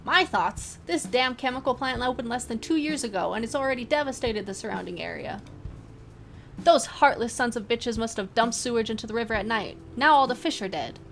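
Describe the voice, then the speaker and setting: A woman's voice: mid-range voice, gravelly, close to an everyday voice. A woman doing an angry riverside resident man. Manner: indignant, cursing, raised.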